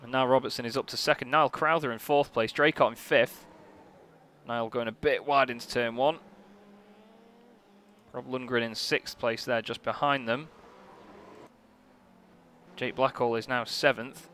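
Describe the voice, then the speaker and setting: Commentating live on an online sim racing event, a man speaks in a bright, mid-range voice at a measured pace, often pausing. He's chatty and relaxed but gets excited at incidents. Racing engines rumble underneath the noisy audio.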